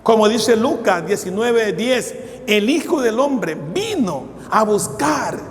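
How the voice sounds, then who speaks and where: Male pastor, 60s, very high voice, fervent sermon in a church hall with long reverb. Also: animated, slow pace. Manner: fervent preaching, addresses listeners as brother; tells stories with quoted dialogue.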